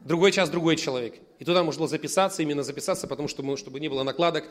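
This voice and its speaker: Man, pastor, sermon, rapid delivery, slightly high voice, lively storytelling with loud and hushed turns. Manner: lively storytelling, shifts between loud emphasis and quiet asides.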